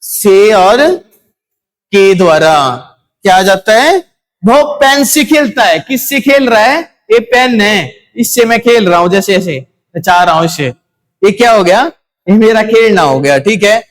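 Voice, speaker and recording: A man's voice: high voice, expressive, a little slow. A man teaching a Hindi grammar lesson, asking questions and answering them himself, repeating key words for his students.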